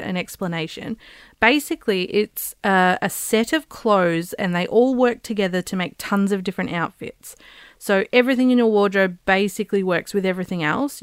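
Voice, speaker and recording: Female, Australian, upbeat practical advice presenter. Smooth, clear voice, dry close sound, chatty and encouraging. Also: medium pitch, no room sound. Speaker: podcast host giving guest advice.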